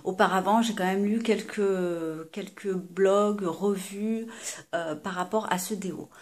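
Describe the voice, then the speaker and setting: A woman talks to her viewers in a relaxed, chatty review of beauty products. She hesitates often, fills gaps with little sounds and restarts her sentences. Her voice sits at an ordinary middle pitch for a woman. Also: slow pace. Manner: hesitant, many fillers and restarts; chatty, addresses viewers directly. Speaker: beauty vlogger.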